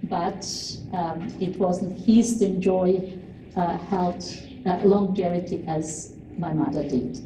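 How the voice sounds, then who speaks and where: Slow-talking older woman in an echoey hall. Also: lowish voice, fairly even intonation, warm tone, far from the mic, a little hiss or hum. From Serbia. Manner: slow, earnest, with frequent pauses. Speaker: cooking demonstrator. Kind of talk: informal talk to a class. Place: large plain hall with kitchen tables.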